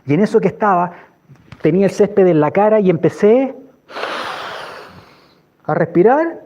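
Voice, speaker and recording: A man with a high voice preaches a testimony, acting it out with vivid storytelling and little sound effects. The recording is dull and lo-fi. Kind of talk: sermon testimony.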